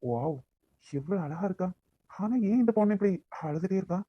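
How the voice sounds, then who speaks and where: A man's voice: high voice, expressive, a little fast, muffled recording, noisy background. A man voicing several young men in a Tamil cartoon romance, with a Nagercoil accent, wheedling his fiancée and musing aloud to himself. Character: young man, affectionate fiancé and lovestruck taxi driver. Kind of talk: cartoon voice acting.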